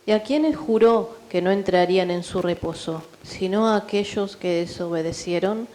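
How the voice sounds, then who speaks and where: Female scripture reader, mellow mid-pitched voice, steady measured reading in a church. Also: slight background noise. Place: church sanctuary.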